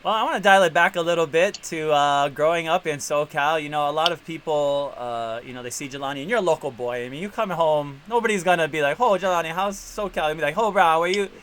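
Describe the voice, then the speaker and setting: A man's voice: fairly high pitch, quick pace, few pauses, slight background noise. Chatty male interview host. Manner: chatty, animated questions with slang. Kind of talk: casual interview.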